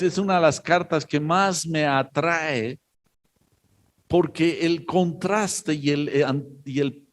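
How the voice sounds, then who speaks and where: Slow, halting male preacher. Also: on the high side. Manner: slow, halting delivery with many pauses and fillers. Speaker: pastor. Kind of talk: sermon.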